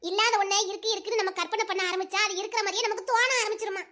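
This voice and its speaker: A woman's voice: very high voice, steady tone, pushed and bright. A woman voicing a scheming young village woman who plots persuasively, with a Tirunelveli Tamil accent. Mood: plotting. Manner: fast, persuasive, conspiratorial. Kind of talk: Tamil serial drama dialogue.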